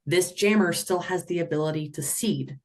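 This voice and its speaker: Low-voiced woman teaching with lively energy. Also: moderate pace. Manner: energetic, animated, acts out skaters in playful voices. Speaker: roller derby officiating instructor. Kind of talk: webinar teaching.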